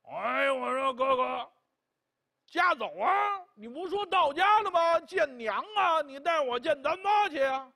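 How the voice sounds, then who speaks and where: A male storyteller voicing a simple-minded, blunt, impatient younger brother in loud, drawn-out demands. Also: extremely high pitch, expressive, vocal fry, heavily acted. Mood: impatient, nagging.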